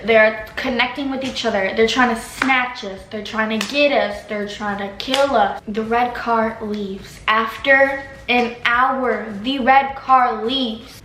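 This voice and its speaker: A woman's voice: a little high, fairly bright tone. A teenage girl telling a story in a casual, dramatic way, full of slang. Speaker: vlogger. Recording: echoey room, faint background hiss.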